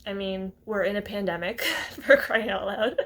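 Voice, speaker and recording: A woman's voice: medium pitch, moderate pace, a bit bright. A woman in her twenties talking casually to her viewers, hesitant and rambling, often breaking into small laughs. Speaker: vlogger. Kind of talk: casual talk to camera.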